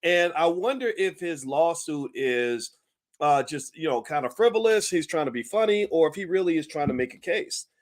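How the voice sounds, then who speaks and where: A man talks straight to his viewers in a loose, chatty commentary style. His voice sits a little high for a man, and he keeps restarting his sentences, laughing and asking the audience what they think. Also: lively intonation, moderate pace. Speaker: channel host. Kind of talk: casual talk-show commentary.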